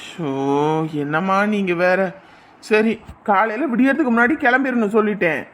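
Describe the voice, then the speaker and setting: A woman's voice: mid-range voice, moderate pace, lightly acted. A woman doing a fussy male temple priest. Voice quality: fussy, scolding. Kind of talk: animated drama dubbing.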